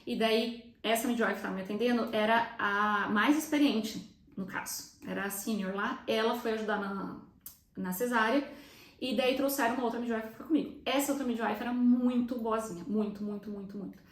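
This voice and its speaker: Fast-talking Brazilian woman, emotional. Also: on the high side, fairly even intonation, roomy sound. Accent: Brazilian Portuguese. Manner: chatty, fast, often addresses viewers directly. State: emotional, close to tears. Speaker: vlogger recounting her birth. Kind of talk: personal storytelling vlog.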